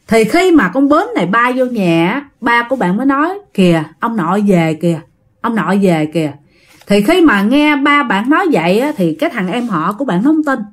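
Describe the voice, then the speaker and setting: A woman narrating ghost stories in a chatty way, often speaking straight to her listeners. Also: medium pitch. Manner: chatty, addresses listeners directly. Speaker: storyteller.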